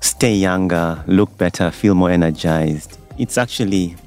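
A man, a doctor speaking as a guest on a radio show. He explains things in a relaxed way, pausing on fillers. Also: deep voice, soft background music. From Uganda. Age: 40s. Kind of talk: radio interview. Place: radio studio.

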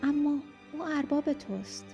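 A woman's voice: high voice, gravelly, mellow, faint music behind, pitched above the performer's own voice. A woman voicing a frightened young wife who anxiously pleads with her husband. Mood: pleading.

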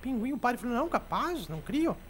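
A woman playing a sharp-tongued old lady, telling jokes and teasing her co-hosts on a radio comedy show. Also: a little high, big pitch swings, a little fast, slight background noise. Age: older. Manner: teasing, bossy storytelling. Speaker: comic radio show regular.

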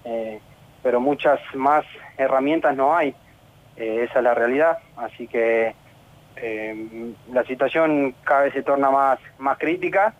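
A man with an Argentine Spanish accent, a professional footballer in a radio interview, talking in an earnest, frustrated way with many halting restarts. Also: medium pitch, fairly even intonation. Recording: phone line on radio.

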